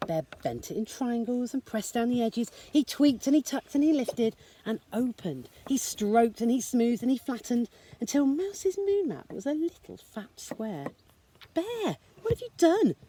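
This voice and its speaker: A woman teacher reading a picture book aloud to a child, expressive and soft-spoken. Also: a little high, unhurried.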